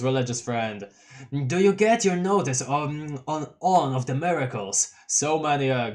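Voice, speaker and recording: A man's voice: a little high, lightly acted. A man reading as a drawling stoned clown boy. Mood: dopey cheerful. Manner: drawling, stoned, fumbling over words. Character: mellow laid-back clown troll boy.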